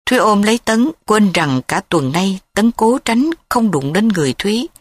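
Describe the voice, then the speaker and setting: A woman narrating a story aloud in a steady, expressive reading voice. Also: mid-range voice, moderate pace, dry recording.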